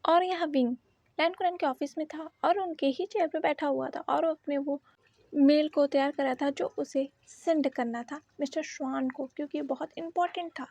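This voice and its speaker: High, mellow woman narrating a story. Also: steady tone, normal speed, dry recording. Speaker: fan fiction narrator.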